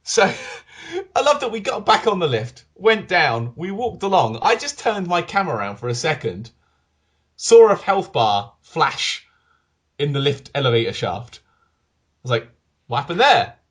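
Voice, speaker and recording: A man co-hosting a podcast, telling a gaming story in animated fashion and acting out the quotes in casual chat. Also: fairly high pitch, measured pace, slightly rough. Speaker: podcast co-host.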